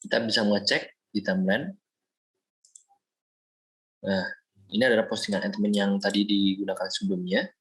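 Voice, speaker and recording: A young man from Indonesia, a student, explaining a software project step by step in a screen-recorded walkthrough, often pausing with fillers. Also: fairly low pitch, level tone, rough recording. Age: young adult. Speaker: student presenting a project demo.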